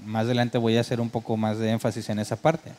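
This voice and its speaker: A mellow, fairly low male voice with a level tone preaches at a quick pace. The pastor's sermon is conversational, with frequent rhetorical questions to the congregation and comic imitations of worship keyboard sounds.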